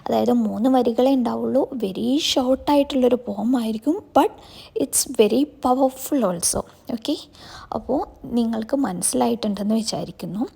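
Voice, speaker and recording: Woman teacher, question-and-answer style; mellow tone, fairly high pitch. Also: moderate pace, gravelly, breathy edge. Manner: asks questions and answers them herself. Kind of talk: explaining a class lesson.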